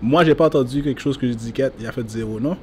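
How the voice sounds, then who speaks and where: A man's voice: mid-range voice, fast talker, a little mellow, a little hiss or hum. A man hosting a casual interview, asking questions with a friendly, easy manner and some English words mixed in. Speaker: host.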